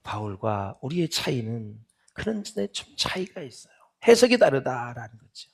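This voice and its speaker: A Korean pastor preaching in a church, swinging between loud exclaiming and soft near-whispered asides, asking the congregation questions and answering them himself. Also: male voice, medium pitch, very animated, normal speed, creaky, slightly rough. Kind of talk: sermon. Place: church sanctuary.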